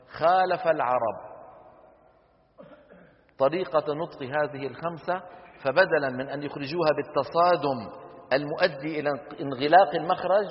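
A man teaching Quran recitation to a class, explaining patiently, quizzing students with rhetorical questions and demonstrating sounds. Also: a little high. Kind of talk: classroom lecture on tajweed. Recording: lo-fi hall recording with long reverb.

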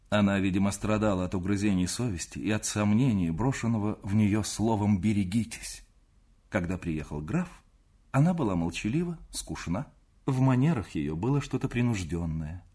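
A man narrating a classic novel as an audiobook, in an expressive, dramatic reading. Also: fairly low pitch, breathy edge.

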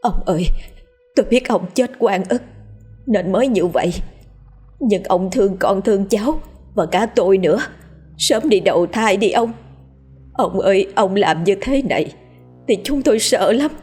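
A woman's voice: on the low side, expressive, a little slow, long pauses, darkish tone, husky, faint music behind. A woman voicing a grieving old grandmother who pleads through tears in a ghost story. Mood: pleading. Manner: tearful, imploring.

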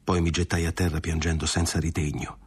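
A man narrating a classic novel as an audiobook, with a measured, dramatic reading. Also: extremely low pitch, level tone, husky. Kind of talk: literary reading.

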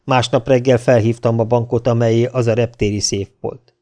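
Male audiobook narrator, wry first-person telling, mid pitch. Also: little pitch movement, dark tone.

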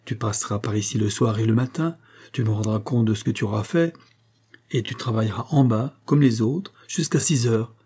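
Man raising his voice for a gentle, commanding lady. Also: lowish voice, moderate pace, breathy edge. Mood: gentle, firm. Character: kindly invalid lady, firm yet tender.

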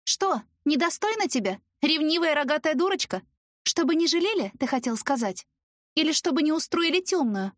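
Defiant young student, mocking and high-pitched, voiced by a woman; audiobook heroine, dry. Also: expressive, brisk, dry recording. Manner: mocking and raised. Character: young female student, sharp-tongued and defiant.

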